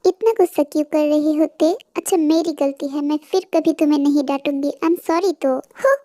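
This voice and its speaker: A young mafia boss gives curt orders and coaxes in a high, mellow voice, as a woman acts him out. He is protective and strict, from a fan-made audio romance. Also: steady tone, normal speed, natural voice. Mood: pleading. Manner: curt orders, then coaxing.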